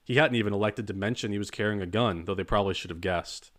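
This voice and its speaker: A man narrating a dark crime story in a measured, even storytelling manner. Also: fairly low pitch. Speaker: audiobook narrator. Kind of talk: scripted narration.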